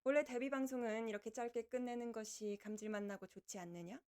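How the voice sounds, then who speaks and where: A woman's voice: a little high, steady tone, quick pace, darkish tone, clean tone, lightly acted. A woman voicing a kindly, lordly female reaper from the underworld who chats to livestream viewers in archaic speech. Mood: composed, announcing. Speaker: virtual streamer hosting a debut live broadcast. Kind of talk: in-character livestream chat with viewers.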